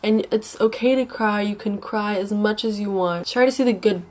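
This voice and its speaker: A young American woman who makes advice vlogs chats casually, mildly sick with a stuffy, congested nose. Her mid-range voice moves at normal speed, and she's informal, rambling, and hesitant as she gives advice.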